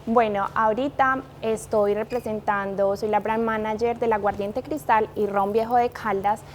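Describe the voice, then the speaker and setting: A woman's voice: medium pitch, fairly even intonation, moderate pace, slight background noise. A Colombian woman in her thirties with a Manizales accent, talking earnestly as an interview guest. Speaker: guest, liquor brand manager. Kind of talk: interview conversation.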